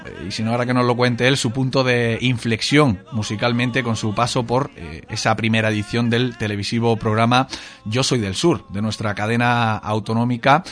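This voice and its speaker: A man hosting a radio interview, speaking in a measured way with frequent filler sounds. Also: medium pitch, a bit bright. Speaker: radio host.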